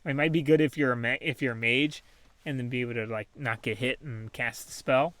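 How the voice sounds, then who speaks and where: A man's voice: medium pitch, fairly even intonation, brisk, a bit bright. A man casually commentating his own game play, thinking aloud with many ums and small laughs. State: has the hiccups. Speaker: gaming channel host.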